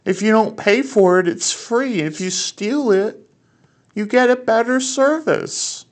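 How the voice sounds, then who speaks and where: A man on a prank phone call, making blunt, deadpan, over-the-top confessions. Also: sits high, measured pace.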